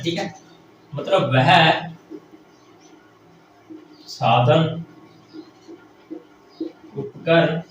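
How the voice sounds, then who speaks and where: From across a very echoey room, a man with a fairly high voice lectures as a technical teacher, explaining step by step. He often repeats phrases and poses questions that he then answers himself, picked up by a distant mic with faint noise.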